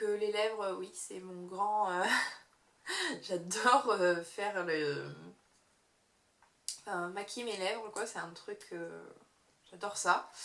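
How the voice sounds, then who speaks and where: In an echoey room, a young woman talks casually through her monthly makeup favorites as a beauty vlogger, often pausing on fillers. Her voice is medium-pitched and a bit bright.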